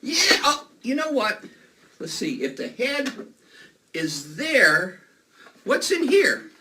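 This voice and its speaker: A man's voice: very high voice, sing-song, slow, sharp tone. A man performing as a children's party magician, playfully coaxing kids with questions and exclamations, recorded on a noisy, distant microphone.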